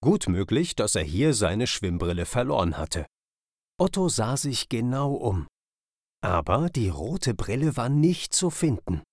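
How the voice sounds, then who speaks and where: A man narrating a children's story with lively, expressive storytelling. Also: mid-range voice, measured pace, no room sound, studio quality.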